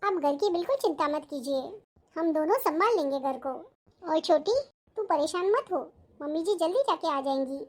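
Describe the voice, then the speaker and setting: Patient, hardworking elder sister-in-law, fusses aloud , played by an actress; very high voice, family short film. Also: female voice, animated, normal speed. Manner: fussing, complaining to herself. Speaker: actor. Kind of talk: family drama acting.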